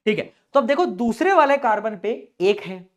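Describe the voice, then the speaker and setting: Sing-song and high, this young chemistry tutor's voice moves at a moderate pace as he explains a lesson chalkboard-style. He's chatty and playful, cracking jokes and addressing students as "beta" and "bhai."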